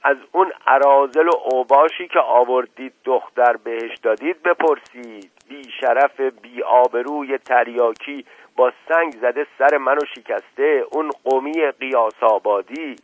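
Man doing a shouting, furious bandaged man. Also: mid-range voice, no room sound, voice pushed up, lightly acted. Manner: shouting, indignant. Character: enraged bandaged middle-aged man. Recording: tinny dry radio recording.

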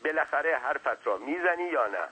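A man's voice: mid-range voice, expressive, pushed and bright, breathy edge, voice pushed up, exaggerated voice, rough recording. A man voicing an irritated master who speaks in short, curt questions. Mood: impatient. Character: impatient grown man, the master.

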